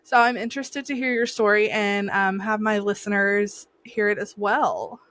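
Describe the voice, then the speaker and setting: A woman's voice: medium pitch, fairly even intonation, moderate pace, a bit bright. A woman hosting a podcast, introducing her guest in a friendly, encouraging way and repeating herself. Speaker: podcast host. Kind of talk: casual interview conversation.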